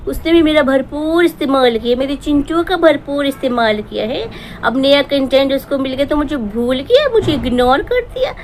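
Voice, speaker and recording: A woman doing a jealous, scheming vlogger who rambles in a high, sarcastic voice and slips into fake tears. The comic parody monologue has a faint hiss of noise behind it. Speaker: parody performer.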